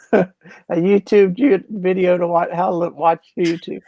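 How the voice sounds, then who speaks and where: A man's voice: sits high, steady tone, takes it slowly, warm tone, dull audio. A man in a casual podcast chat, easygoing and chuckling as he talks.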